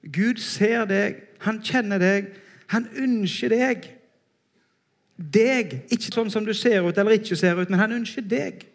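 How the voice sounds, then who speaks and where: Earnest high-voiced male preacher. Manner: earnest, emphatic, slows for key phrases. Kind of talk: sermon. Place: church.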